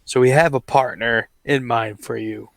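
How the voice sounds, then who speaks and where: A man voicing a calm male wrestling authority figure making a match announcement. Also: mid-range voice, moderate pace, creaky, no echo, lightly acted. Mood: reassuring.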